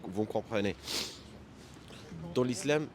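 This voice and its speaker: On the street, a man interviewed during a debate speaks French, his second language after Arabic, in a halting, insistent way and keeps repeating words. His voice sits on the low side with a darkish tone.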